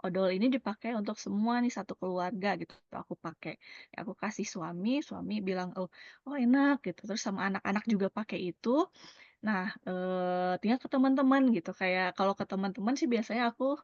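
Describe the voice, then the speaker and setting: A woman's voice: mid-range voice, quick pace, a little mellow, dry recording, muffled recording. Chatty woman. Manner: chatty, many fillers and tag words. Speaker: presenter sharing a sales plan. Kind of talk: casual explanatory talk.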